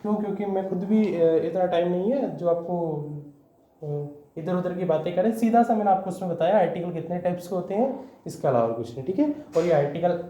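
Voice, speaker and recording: A man's voice: sits high, expressive, fairly quick, warm tone. A man teaching grammar to students, patiently quizzing them and checking in with "okay?" after each step. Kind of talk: explaining English grammar to students. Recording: echoey room, dull lo-fi sound.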